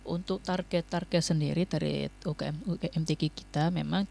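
A young man from Indonesia, a student club guest on a radio talk show, giving measured explanations with frequent pauses and fillers. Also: fairly high pitch, fairly even intonation, vocal fry, a little mellow.

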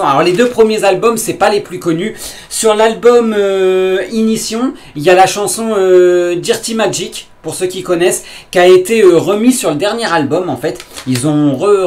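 A man talking casually to camera in a vlog, enthusiastic and rambling, full of fillers and repeated phrases. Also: high-pitched. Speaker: vlogger. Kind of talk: casual unboxing vlog talk.

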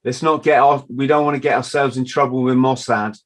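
A middle-aged podcast host chats over a video call from his home office, where a map hangs on the wall, heard through a webcam mic. In this casual interview his medium-pitched voice stays steady and brisk as he jokes at his own expense and laughs easily.

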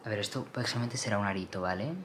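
A young man chats to his camera at home in a casual vlog. His voice sits fairly low and is picked up by a compact camera mic, with a faint hiss behind it. He is playful and self-mocking, dropping in English phrases as he goes. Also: rapid-fire. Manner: chatty, mixes in English phrases. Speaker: vlogger.

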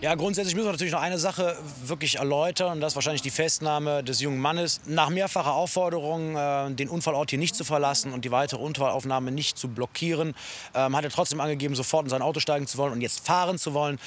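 An actor playing a composed, matter-of-fact police officer, explaining in wordy official language to camera in a TV police series. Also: male voice, fairly high pitch, fast talker, a little hiss or hum, close to an everyday voice. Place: outdoors beside a police car. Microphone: clip-on lapel mic.

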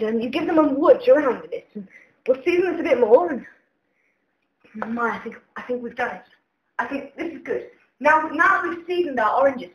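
In an echoey home kitchen with faint noise in the background, a young woman with a high, fairly bright voice presents a mock cooking show demonstration.

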